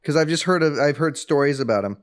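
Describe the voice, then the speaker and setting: A man's voice: a little high, animated, fast talker. A young man co-hosting a casual podcast, telling anecdotes full of filler sounds. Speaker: podcast co-host.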